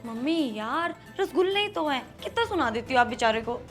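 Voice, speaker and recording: A young wife who keeps trying to smooth things over between her mother and husband. Her voice is high, with soft music behind it. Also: animated, a little fast. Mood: placating. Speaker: daughter and wife. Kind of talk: comedy sketch acting.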